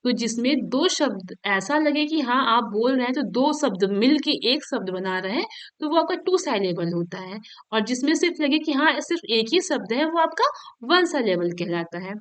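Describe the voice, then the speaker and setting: Lady teacher going over an exam paper, high voice, keeps checking "ok?". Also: animated. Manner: explains step by step, checks in with "ठीक है"; reads English examples slowly.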